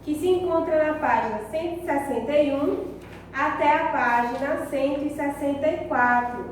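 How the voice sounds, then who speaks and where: A woman teacher giving a recorded school lesson, explaining slowly and checking in with her pupils. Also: high voice, slight background noise. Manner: slow, deliberate explaining with frequent check-ins. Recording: very echoey, distant mic.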